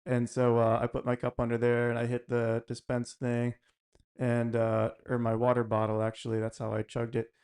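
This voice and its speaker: A man hosting a casual podcast chat, relaxed and quick to laugh as he rambles through a story. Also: medium pitch, smooth. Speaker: podcast host.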